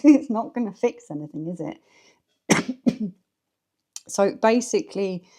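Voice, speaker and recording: Speaking frankly and directly to her viewers, an English-accented woman vlogger chats casually to camera from her living room. Her voice sits low and sounds creaky and mellow. The camera is set up in the room.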